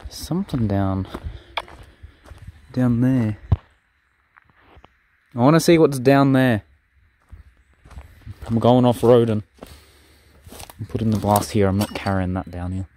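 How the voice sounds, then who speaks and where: A man's voice: medium pitch, slow, pauses often, dark tone, slight background noise. Chatty young man vlogging. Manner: chatty, rambling, easygoing. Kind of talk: casual vlog narration and walk commentary.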